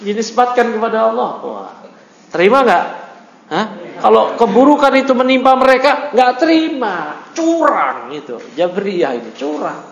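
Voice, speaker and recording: Man, religious teacher, study circle lecture, fairly high voice, muffled lo-fi sound. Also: slight background noise. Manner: lively, reads Arabic then explains, acts out mock dialogues; asks the class questions. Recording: echoey, dull lo-fi room recording.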